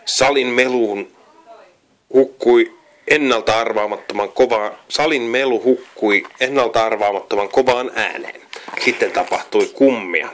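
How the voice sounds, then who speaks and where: A man's voice: medium pitch, fairly bright tone. A man reading a children's storybook aloud, often stumbling and correcting himself. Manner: frequent slips and self-corrections while reading. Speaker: reader.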